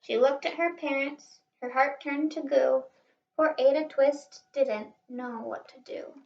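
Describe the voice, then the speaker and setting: A woman reading a children's picture book aloud in an expressive, animated way, like a teacher stressing the rhymes. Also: sits high, unhurried, vocal fry. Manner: animated, asks listeners questions, stresses rhymes. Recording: roomy, slightly distant, dull sound.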